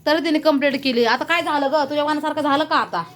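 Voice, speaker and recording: High-voiced woman angrily scolding. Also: quick pace, fairly bright tone. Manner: scolding, bitter, repetitive. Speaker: vlogger. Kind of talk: angry family quarrel.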